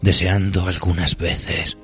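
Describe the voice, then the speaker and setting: A man reciting a dark poem as an ancient, weary, ravenous cursed treasure of the sea, slow and solemn, at times hushed. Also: sits low, level tone. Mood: brooding. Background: music.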